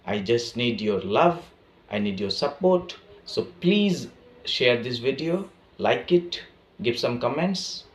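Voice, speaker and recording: A man from Odisha with an Odia accent and Odia as his first language, giving a spoken English pronunciation lesson and mixing in Hindi. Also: mid-range voice. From Odisha, India. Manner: mixes Hindi into English, repeats "right?". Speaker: English teacher.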